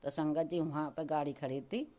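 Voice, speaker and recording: Low-voiced woman giving devotional testimony. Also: steady tone, moderate pace, warm tone. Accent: Hindi with Punjabi-flavoured devotional terms. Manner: addresses listeners repeatedly, chanting thanks.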